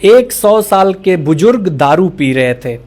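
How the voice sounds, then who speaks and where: High-voiced man telling rapid jokes. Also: big pitch swings, heavy background noise. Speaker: joke teller. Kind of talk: reading out a string of jokes.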